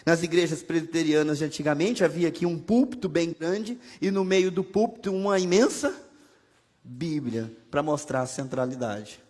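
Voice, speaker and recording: High-voiced Brazilian pastor in echoing church. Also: male voice, normal speed, a little mellow. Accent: Brazilian Portuguese. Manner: conversational, humorous preaching with rhetorical questions. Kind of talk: sermon. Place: church sanctuary. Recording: long hall reverb from a church.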